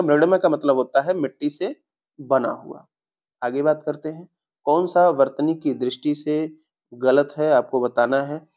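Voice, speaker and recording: A man's voice: medium pitch, darkish tone. A young male teacher walking through exam spelling answers step by step in an online lesson, often correcting himself mid-sentence.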